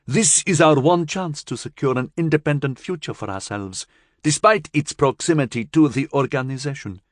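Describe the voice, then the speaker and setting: A male narrator voicing a calm, formal and dryly ironic living starship. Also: a little high, moderate pace, no room sound, clean studio sound, pitched above the performer's own voice, natural voice. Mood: cool.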